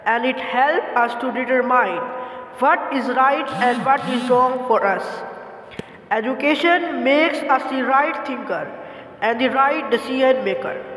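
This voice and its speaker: High-pitched earnest school speaker, heavy echo. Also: a bit bright. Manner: earnest, formal, recited delivery. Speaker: speech presenter. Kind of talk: prepared school assembly speech. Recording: echoey, long hall-like reverb.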